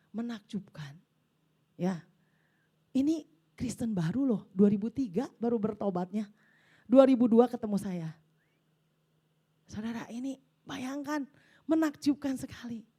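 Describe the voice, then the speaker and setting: A middle-aged woman from Indonesia preaching a sermon in an animated way, reading prayers aloud with great force. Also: on the high side.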